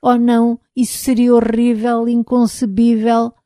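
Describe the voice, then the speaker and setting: A woman voicing a timid, hoarse robot. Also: fairly high pitch, flat delivery, moderate pace, mellow, no room sound, clean studio sound, pitched above the performer's own voice, natural voice. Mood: anxious pleading. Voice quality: hoarse, like a machine needing oil. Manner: anxious, pleading, deferential. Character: timid frightened male robot, eager to please. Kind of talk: audiobook character reading.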